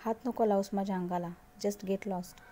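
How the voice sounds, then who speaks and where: Lady narrator doing an angry hurt woman, snapping short lines, mellow tone. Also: medium pitch, fairly even intonation, normal speed, slight background noise, lightly acted. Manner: snapping, curt. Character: angry hurt young woman, sharp and dismissive.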